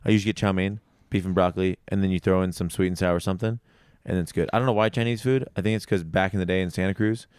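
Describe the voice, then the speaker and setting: A man's voice: low-pitched, steady tone, fast talker, hardly any pauses, a little mellow, smooth, no room sound, clean studio sound. A young man hosting a podcast in casual chat, goofy and playful, laughing often. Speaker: podcast host.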